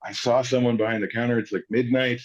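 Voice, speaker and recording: Talking fast in a mid-range voice, a man in his forties, a guest who acts for a living, rattles off casual anecdotes and animatedly impersonates the people in them. The recording sounds slightly dull and lo-fi.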